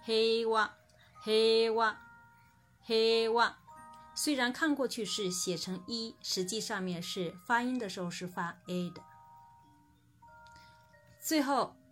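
A woman's voice: mid-range voice, fairly bright tone, faint music behind. Patient woman teaching a language lesson. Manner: explains patiently, then says example words slowly and clearly.

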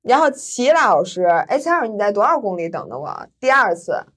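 A woman podcast host, telling a story in lively casual chat and laughing often. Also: mid-range voice, a little fast.

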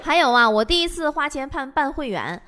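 Lively Northeastern Chinese woman comic. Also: high voice, fairly quick, a loud crowd, very noisy. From Northeast China. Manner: animated, chatty, laughs at own jokes. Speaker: comedy show host. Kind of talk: scripted comedic storytelling.

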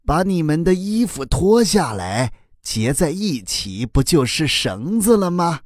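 A man voicing a kindly old male turtle who talks slowly and drowsily in a children's audio story. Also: fairly high pitch, sing-song, no echo, studio quality, voice pushed up. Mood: cheerful. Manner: slow, drowsy and good-humored.

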